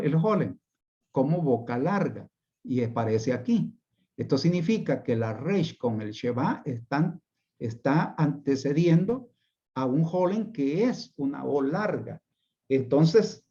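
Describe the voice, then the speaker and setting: A man's voice: fairly high pitch, mellow, highs cut off. A man teaching an online class, explaining step by step with patient repetitions.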